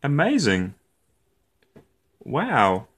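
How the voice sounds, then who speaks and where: Speaking at a medium pitch, a man tells a picture-book story to little ones. He is expressive throughout and phrases his lines in a deliberate, playful way.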